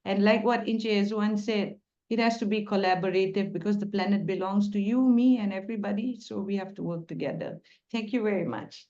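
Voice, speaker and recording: A woman hosting a webinar over a video call, speaking in a semi-formal, deliberate way with emphatic repeated words. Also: medium pitch, warm tone. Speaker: webinar host. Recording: dull, lo-fi video call audio.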